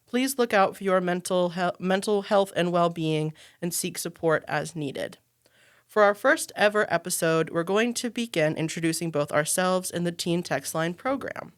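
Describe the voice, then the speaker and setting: A woman in her twenties opens a podcast as its host. Her voice is smooth and clear and sits a touch low, and she reads her introduction in a steady, measured way. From Maine, US. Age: 20s. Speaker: podcast host and program manager.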